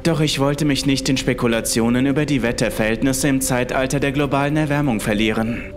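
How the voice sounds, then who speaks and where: Reading a scripted horror tale in the first person, this male narrator keeps a steady tone in a mid-range voice and moves a little fast. Music runs underneath the recording.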